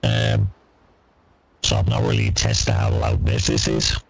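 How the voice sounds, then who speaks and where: A man streaming a game, talking haltingly through a deep pitch-shifted voice changer while wearing a headset. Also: sing-song, gravelly, faint music behind, exaggerated voice. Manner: halting, tripping over own words. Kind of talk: casual stream chat.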